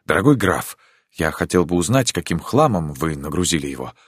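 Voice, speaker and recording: A man reads an embarrassed young prince with a very deep, low voice, hesitant and formal in his speech. The sound is dry and close to the mic, with no room around it. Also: sing-song, a little fast, slightly rough, no echo, exaggerated voice. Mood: probing. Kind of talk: audiobook character reading.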